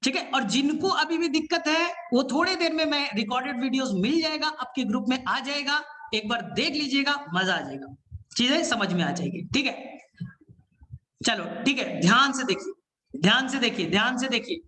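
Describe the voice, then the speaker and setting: Male biology teacher with a high, bright-sounding voice; energetic, repetitive online lecturer who keeps quizzing students. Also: normal speed. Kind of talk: live online class lecture.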